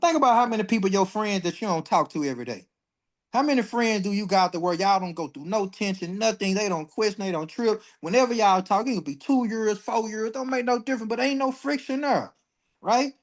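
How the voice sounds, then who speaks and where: Here a man in his forties with a high, brisk voice hosts an astrology livestream. Casual and blunt, he uses plenty of profanity and grows worked up as he rants.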